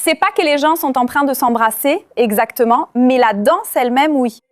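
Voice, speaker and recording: A chatty woman speaks as a guest on a podcast, with a fairly high voice. The sound is dry and close, with no room around it. She explains her points through little stories from her own life. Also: moderate pace, no echo. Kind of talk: casual chat. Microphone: studio podcast microphone.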